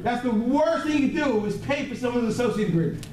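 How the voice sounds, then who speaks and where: A man's voice: very high voice, lively intonation, quick pace, a little mellow. A man giving a motivational sales training talk, blunt and emphatic, repeating key words and often checking that the group follows. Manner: emphatic repetition for effect; frequently checks in with listeners. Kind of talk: motivational training seminar speech. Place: indoor training room with a live group. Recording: echoey room, distant mic, faint noise.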